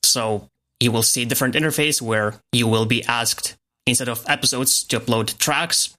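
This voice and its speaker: Brief: man, bright, crisp-edged voice, calm and explanatory interview guest. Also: mid-range voice. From Lithuania. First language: Lithuanian. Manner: measured, explanatory. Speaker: podcast guest, software developer. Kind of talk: casual interview.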